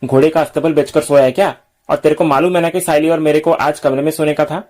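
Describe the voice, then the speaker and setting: A man's voice: a little high, steady tone, quick pace, darkish tone, lightly acted. A man reading the lines of a brash young man who teases in street slang. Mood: mocking.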